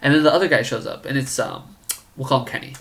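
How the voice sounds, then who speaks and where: Creaky-voiced young man telling a story. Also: mid-range voice, fast, a bit bright. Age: 20s. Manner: rambling, filler-heavy with "like" and "you know". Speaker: college student storyteller. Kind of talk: casual storytelling.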